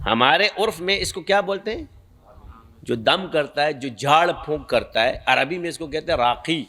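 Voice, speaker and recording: A man's voice: fairly high pitch, expressive, pushed and bright. A man preaching a sermon, scolding and emphatic, who keeps asking rhetorical questions and answering them himself.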